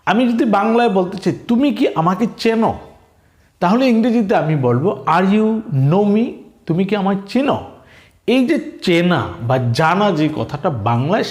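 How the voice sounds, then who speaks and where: A man with a Bangladeshi accent teaching English, slowly spelling words letter by letter and quizzing his viewers. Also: sits high, a little mellow. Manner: slow, repetitive teaching, spells words letter by letter and asks questions. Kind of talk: spoken language lesson. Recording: echoey room.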